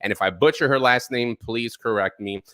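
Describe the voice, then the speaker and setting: A man's voice: mid-range voice, normal speed, no echo. A man hosting a live-streamed interview show about therapy, talking loosely with lots of ums and uhs. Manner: relaxed, filler-heavy talk with frequent ums. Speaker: podcast host.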